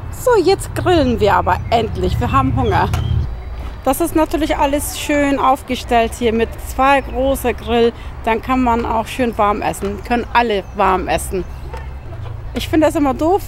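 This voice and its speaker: This cooking vlog host is a woman in her thirties with a Turkish accent, explaining every step as she cooks in her home kitchen and at a garden barbecue. Her voice is high-pitched, and there's a little hiss or hum.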